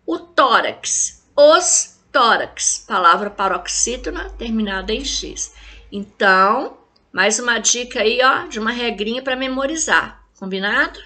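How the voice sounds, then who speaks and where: A Brazilian woman with a slightly high, bright, forward voice teaches young pupils in a recorded lesson. She checks in with the children often and draws example words out slowly so they can keep up.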